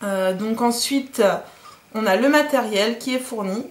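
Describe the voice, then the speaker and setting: A woman's voice: a little high, a little slow. A woman in her thirties from France, chatting casually in a DIY unboxing vlog, hesitant with many fillers. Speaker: DIY vlogger.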